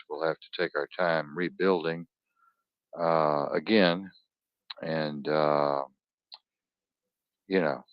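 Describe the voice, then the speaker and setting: A man's voice: a bass voice, no echo, highs cut off. A man hosting an online talk stream, tired, rambling and profane, barking orders at his producer.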